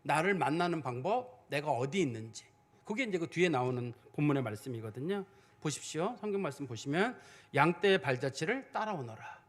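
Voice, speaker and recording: A man's voice: on the high side, sing-song, brisk. A male pastor preaching a sermon in a conversational way, acting out the prayers he quotes.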